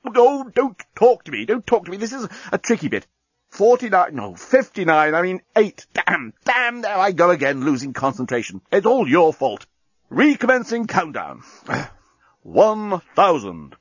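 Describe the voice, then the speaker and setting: A man's voice: high-pitched, huge pitch swings, measured pace, breathy edge, no room sound, muffled recording, voice pushed up, full character voice. A man voicing a fussy, absent-minded male talking bomb that keeps losing count. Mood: flustered. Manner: flustered, loses count, easily distracted.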